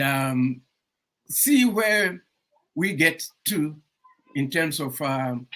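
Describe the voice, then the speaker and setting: A man hosting a radio talk show in a casual, animated way, with frequent fillers. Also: a little high, slightly rough. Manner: animated, warm welcomes, frequent um fillers and laughs. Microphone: streamed studio mic.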